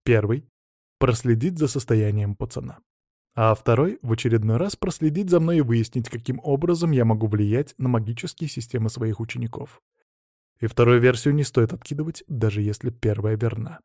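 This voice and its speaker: Dark-voiced male audiobook narrator. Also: medium pitch, brisk, dry recording, studio quality. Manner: expressive storytelling. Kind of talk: first-person audiobook narration.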